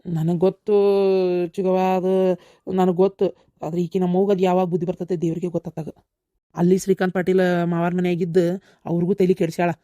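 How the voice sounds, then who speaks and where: A woman doing a reproachful young village woman, North Karnataka accent, rapid talk, mellow tone. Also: fairly low pitch, little pitch movement, dry recording, clean studio sound, lightly acted. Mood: complaining. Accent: North Karnataka Kannada. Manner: reproachful, firm. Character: level-headed young woman scolding her mother. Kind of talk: cartoon voice acting.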